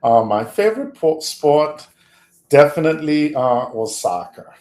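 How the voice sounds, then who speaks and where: Slow, reflective Haitian-born man. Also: on the high side, very animated, a little mellow, echoey room. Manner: slow, reflective, chuckles often. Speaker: guest. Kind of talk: podcast interview.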